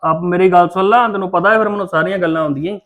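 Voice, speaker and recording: A man's voice: high-pitched, rapid-fire, a bit bright. A man with a Punjabi accent playing a boastful, teasing brother in a family drama. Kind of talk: Punjabi web-series acting.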